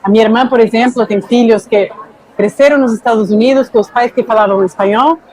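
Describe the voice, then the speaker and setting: A woman's voice: a little high, a little fast, a little mellow, rough recording. A woman from Argentina, a neuroscientist guest explaining things thoughtfully in a conversation. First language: Spanish. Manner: thoughtful, often checks in with "né".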